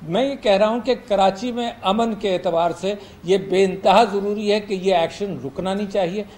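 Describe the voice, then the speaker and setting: A man's voice: sits high, moderate pace, darkish tone. A man from Pakistan, a politician on a talk show panel, insistently repeating himself to hold the floor in a debate.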